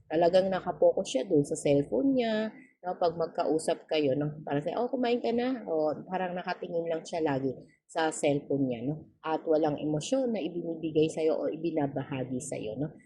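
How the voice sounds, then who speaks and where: A woman giving a tarot reading straight to the viewer, polite and gentle, tagging nearly every phrase with a questioning "no?". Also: sits low, moderate pace, husky. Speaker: tarot reader.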